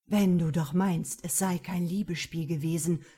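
A woman's voice: steady tone, moderate pace, warm tone, breathy edge. A woman reading a hard, domineering man. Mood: taunting. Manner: low, hard, taunting tone. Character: domineering, commanding man, a husband.

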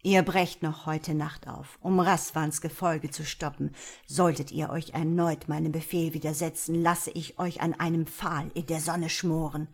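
A woman's voice: sits low, steady tone, measured pace, hardly any pauses, husky, exaggerated voice. A woman voicing a ruthless male vampire prince who gives stern, threatening orders in an audiobook. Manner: stern, commanding, rising to shouting.

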